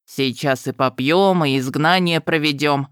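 Woman playing a sinister male elf mage, unhurried and low-pitched. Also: clear, resonant tone, no room sound, studio quality. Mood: calm.

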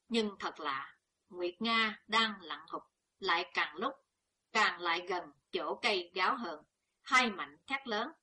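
A woman narrating a story in a steady, measured reading voice. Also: mid-range voice, breathy edge.

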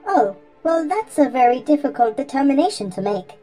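An anxious male butler robot, prim and forever worried, speaking in a high, swooping voice. The tone is mellow rather than bright, and faint music plays underneath. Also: big pitch swings, normal speed. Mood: fretful. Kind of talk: audiobook character voice.

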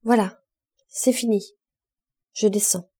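A woman voicing a hot-tempered working-class male roofer who shouts gruffly across the rooftops in an audiobook. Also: mid-range voice, steady tone, slow. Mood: loud.

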